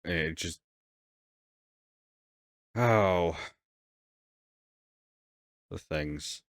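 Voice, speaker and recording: A man's voice: low voice, unhurried, no room sound. A man co-hosting a podcast in loose, casual chat, swearing freely and rambling. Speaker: podcast co-host.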